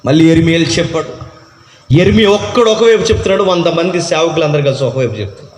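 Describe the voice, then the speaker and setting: A man preaching a sermon and retelling a story in a dramatic way, swinging between shouting and low, quiet voices. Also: fast talker. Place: church hall. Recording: echoey hall, heard from far off.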